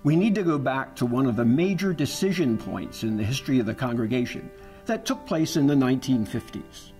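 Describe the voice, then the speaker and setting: A man giving calm, measured scripted narration for a church history documentary. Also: medium pitch, soft background music.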